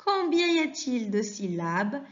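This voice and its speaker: A woman teaching a French lesson to young children, slowly sounding out words, asking questions and praising answers. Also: on the high side, sing-song, dull audio. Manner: slow, deliberate, praising and questioning pupils.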